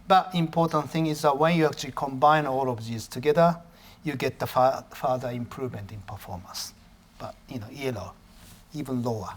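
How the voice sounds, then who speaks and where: An academic lecture comes from a professor whose first language is Japanese; his voice is mid-range. Throughout, he hesitates and corrects his phrasing.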